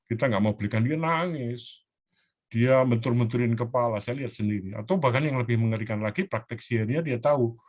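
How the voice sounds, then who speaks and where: A man, a pastor teaching a parenting class over a video call, earnest and animated, acting out children's pleas. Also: mid-range voice, a little fast.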